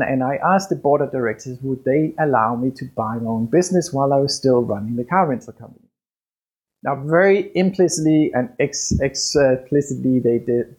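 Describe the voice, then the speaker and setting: Husky Danish-accented man hosting a podcast. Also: mid-range voice, a little mellow. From Denmark. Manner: hesitant, with fillers and restarts, conversational. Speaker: podcast host and business coach. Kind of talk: solo podcast monologue.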